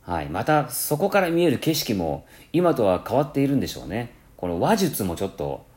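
A man from Kansai with a Kansai-tinged accent mixed with standard speech, hosting a casual solo radio talk, rambling with many fillers and self-corrections. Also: a little fast. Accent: Kansai mixed with standard Japanese. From Kansai, Japan. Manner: lively rising and falling pitch. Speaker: podcast host.

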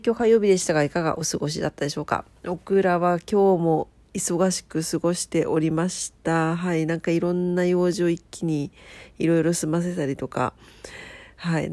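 Nasal, stuffed-up woman radio host, lowish voice. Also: warm tone, no room sound. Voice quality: nasal, congested from a blocked nose. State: stuffed-up nose. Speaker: solo radio show host, DJ. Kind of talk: casual chatty radio monologue with polite greetings.

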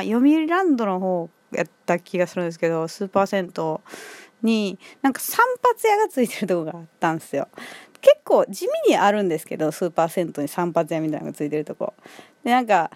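Kansai woman, solo chat host; bouncy, expressive delivery, laughs a lot, close and dry. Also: medium pitch, a little fast, dry recording. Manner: chatty, laughs often, many fillers. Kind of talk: casual solo monologue.

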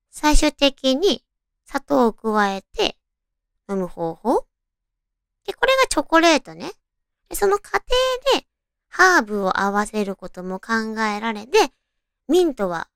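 High, cute anime-girl voice, lively woman host. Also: vocal fry, no room sound, clean studio sound. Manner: cute, girlish, addresses listeners like friends. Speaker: radio show host. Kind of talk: casual solo radio talk to listeners.

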